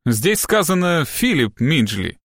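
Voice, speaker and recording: A male audiobook reader playing a gruff private detective who talks in a blunt, growling, threatening way. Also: fairly high pitch, big pitch swings, slow, a bit bright, dry recording, studio quality, pitched above the performer's own voice, full character voice. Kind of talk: audiobook character reading.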